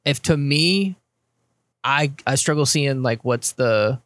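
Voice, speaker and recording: A man co-hosting a casual movie podcast, measured and a bit skeptical, often giving short agreements. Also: mid-range voice, fairly bright tone, no echo. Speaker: podcast co-host.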